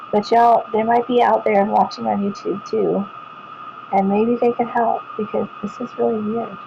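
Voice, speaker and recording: Gravelly woman rambling to viewers. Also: medium pitch, lo-fi sound, noisy background. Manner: rambling, repeats herself and restarts sentences. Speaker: vlogger. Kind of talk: casual talk to viewers.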